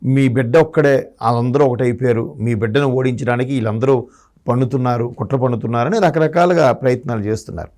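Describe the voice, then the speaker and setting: A man offers political commentary in a discussion, arguing his case through rhetorical questions. His mid-range voice is fast and a little mellow.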